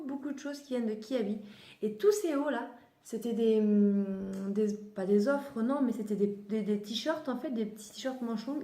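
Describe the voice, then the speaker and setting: A vlogger shows off children's clothes in a casual haul, her voice slightly high and warm, and she keeps correcting herself mid-sentence. The room is echoey.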